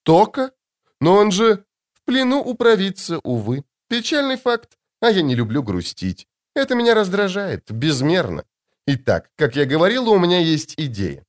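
Man doing a vain airy woman, high lilting voice, sing-song, self-satisfied, audiobook. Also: huge pitch swings, moderate pace. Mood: airy, coy. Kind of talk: audiobook narration.

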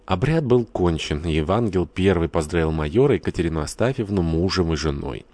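A man narrating a classic novel as an audiobook in a measured, expressive way. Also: deep voice, no echo.

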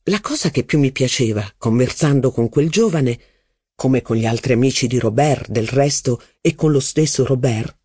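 A man's voice: mid-range voice, husky, dry recording, clean studio sound. Man reading a literary novel aloud. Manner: measured, even reading of long sentences. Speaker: audiobook narrator. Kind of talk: scripted literary narration.

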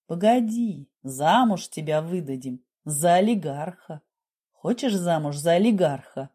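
Woman reading as a smooth scheming male doctor. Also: fairly low pitch, unhurried. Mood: coaxing. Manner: coaxing, calmly persuasive.

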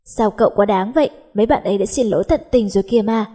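A cocky teenage schoolboy, played by a woman reader who teases and argues. The voice is dark and slightly husky. The delivery is quick and needling. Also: medium pitch, natural voice. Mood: teasing. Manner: teasing, bickering.

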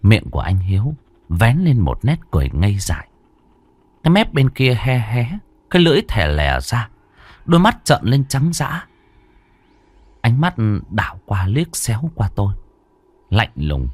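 A man's voice: on the low side, wildly swooping pitch, a little slow, pauses often, husky, dry recording. A man narrating a ghost story in a dramatic, suspenseful way.

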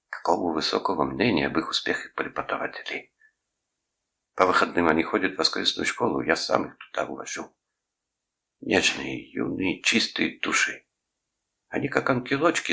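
A man's voice: sits low, creaky, bright, forceful tone, heavily acted. A man playing a pompous preachy uncle. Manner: preachy, lecturing, drawn-out phrases. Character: pompous sanctimonious middle-aged uncle, menacing.

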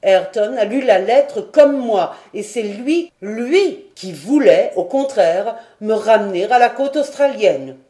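Woman reading as an old seaman, loyal and confused, lowered voice, slow, audiobook. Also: sing-song, mellow, echoey room. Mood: insistent. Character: old male sailor, loyal, bewildered.

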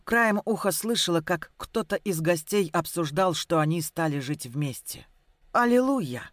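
A woman narrating a first-person audiobook in an even, measured storytelling voice. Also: lowish voice, no echo, studio quality.

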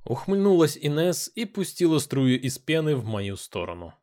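A man narrating an audiobook in the first person. His reading is expressive, and he slips into dialogue with a playful, teasing tone. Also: a little high, moderate pace.

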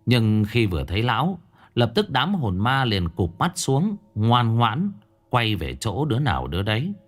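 A man narrating a ghost story in a dramatic, animated storytelling manner. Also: medium pitch, normal speed.

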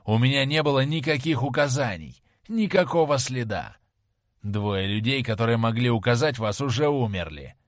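A man reading a vengeful young sailor in an audiobook, speaking slowly and heavily. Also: mid-range voice, animated, dry recording, studio quality, close to an everyday voice. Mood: menacing. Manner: slow, heavy and menacing. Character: vengeful rough young sailor, grim and threatening.

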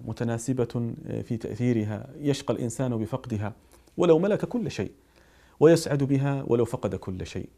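A man's voice: mid-range voice, mellow. A man preaching a sermon, emphatic, with rhetorical questions.

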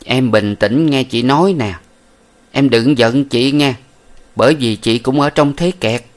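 A man voicing a shrewd, smooth-talking brothel madam in an audiobook, coaxing and sweet. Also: mid-range voice, a little slow, voice pushed up, close to an everyday voice. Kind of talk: audiobook character voice.

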